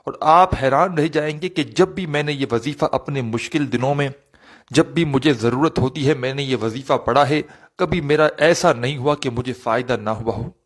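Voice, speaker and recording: A man's voice: medium pitch, normal speed. A man hosting a devotional video, speaking earnestly and repetitively to viewers and leading a pleading prayer. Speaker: religious video host.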